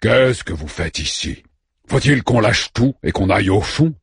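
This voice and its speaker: Audiobook figure: a slow, wry male robot voiced by a male reader, low and dry. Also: animated, gravelly, breathy edge, dry recording, full character voice. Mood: calm, wry. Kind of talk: audiobook character voicing.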